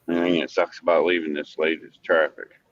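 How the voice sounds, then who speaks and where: A man's voice: extremely low pitch, flat delivery, brisk, no echo, highs cut off. A middle-aged man with a folksy hillbilly drawl, chatting casually as he drives. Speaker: vlogger, warehouse worker. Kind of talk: casual rambling chat while driving. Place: inside a vehicle while driving.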